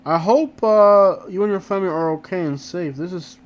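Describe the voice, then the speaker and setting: A man hosting a casual live stream, talking in an informal, slangy and halting way and often repeating himself. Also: high voice. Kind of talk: casual live stream chat, reacting to viewers. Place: inside a rented house.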